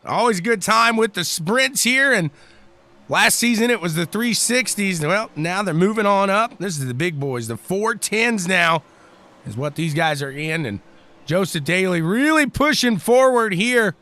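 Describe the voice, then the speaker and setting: A man calling a sim-racing event live, chatty and excitable, hollering between calls. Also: sits high, a little slow. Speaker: race commentator.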